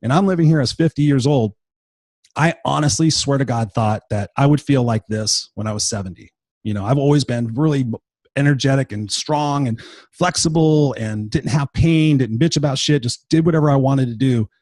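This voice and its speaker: Blunt, husky-voiced motivational man in his fifties. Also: medium pitch, moderate pace, a little mellow, no room sound. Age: 50s. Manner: blunt, profane, emphatic. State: tired and unwell. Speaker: motivational podcast host. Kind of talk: unscripted motivational monologue.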